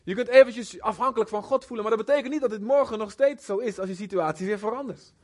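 Husky, high-voiced male preacher. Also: quick pace. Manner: conversational and animated, with many fillers. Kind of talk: informal sermon.

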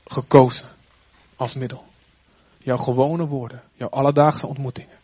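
A man's voice: medium pitch, level tone, moderate pace, darkish tone, no echo, lo-fi sound. A man preaching and leading a congregation in fervent, repetitive prayer. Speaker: pastor.

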